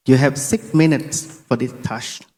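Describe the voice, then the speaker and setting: A man acts as examiner, announcing formal task instructions in clipped, measured phrases. His pace is slow and his pitch is average for a man. The hall gives his voice a long reverb. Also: darkish tone. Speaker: competition examiner.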